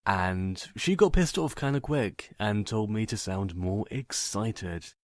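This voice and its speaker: A man talking in a personal vlog monologue with a fairly monotone, matter-of-fact delivery and dry, deadpan humour. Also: on the low side, slow pace, no echo. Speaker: narrator and video creator.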